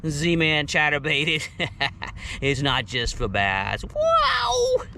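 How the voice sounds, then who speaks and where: Excitable fisherman, animated pitch, outdoor noise. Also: takes it slowly. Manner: exclaiming, repeats short phrases. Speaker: fishing vlogger. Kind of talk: excited running commentary while fishing. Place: outdoors on a kayak on the water. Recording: noisy outdoor water and kayak ambience. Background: water and outdoor noise.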